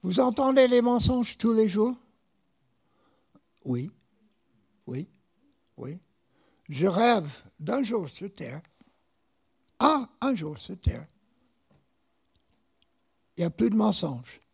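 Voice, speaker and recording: American guy preaching, high voice jumping all over, slow and gravelly, kinda husky. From United States. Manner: animated storytelling with repeated words. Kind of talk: sermon.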